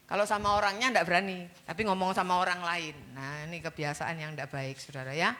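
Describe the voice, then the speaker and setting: A woman pastor preaching a sermon in with a touch, stressing key words with big rises and slipping into quick, chatty asides. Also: lowish voice, pushed and bright.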